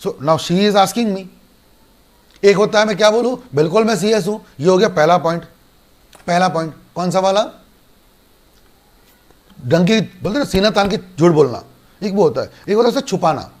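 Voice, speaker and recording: A man's voice: sits high, animated, moderate pace, pauses often. A man with an Indian accent teaching an online law class, who acts out little dialogues between himself and his students. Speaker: law lecturer.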